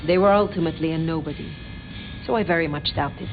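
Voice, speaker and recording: A woman whose natural voice sits low speaks quickly as an ancient vampire in a video game, proud, worldly and imperious, formal and aloof with cool, commanding authority. Clear music plays behind her, and the audio is narrow and tinny.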